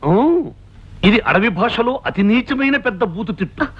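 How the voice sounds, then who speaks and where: An actor playing a cheeky, quick-tongued young husband who trades insults in comic film banter. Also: male voice, high voice, expressive, a bit bright. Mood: mocking. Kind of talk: film comedy dialogue. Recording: dull lo-fi film audio with faint hiss.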